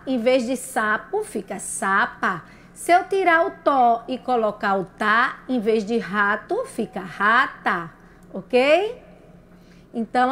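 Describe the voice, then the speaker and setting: Slow, high-pitched woman teaching children. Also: a bit bright. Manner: slow, sounding out syllables with rising checks. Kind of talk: children's lesson on syllables. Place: broadcast lesson for radio and video.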